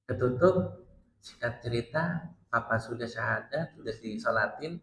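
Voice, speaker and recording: Middle-aged preacher in an echoing mosque. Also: male voice, mid-range voice, measured pace, fairly bright tone, a little hiss or hum. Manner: retells family dialogue with rising, tearful emphasis. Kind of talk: emotional storytelling sermon. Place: mosque hall. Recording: roomy mosque echo.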